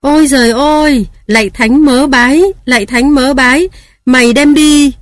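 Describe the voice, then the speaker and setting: A woman reading aloud voices a frantic, pious old grandmother who cries out in high, wailing prayers. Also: steady tone, moderate pace, no echo, studio quality, close to an everyday voice.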